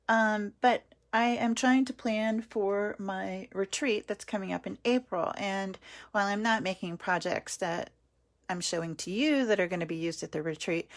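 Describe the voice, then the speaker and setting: A woman hosting a live online craft tutorial, chatty and greeting her viewers by name as she works. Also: mid-range voice.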